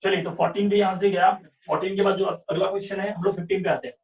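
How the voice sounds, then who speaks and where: High-voiced maths teacher, echoey room. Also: male voice, flat delivery, racing, distant mic, dull audio. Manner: explains step by step, often asks "sahi hai kya?". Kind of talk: online revision class lecture.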